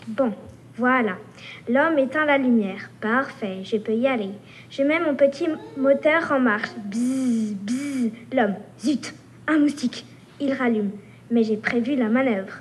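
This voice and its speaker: Woman reading as a cheeky little mosquito girl, high voice, teasing and buzzing at people. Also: a little hiss or hum. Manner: taunting, playful, buzzing sounds. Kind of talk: reading a story aloud at a workshop.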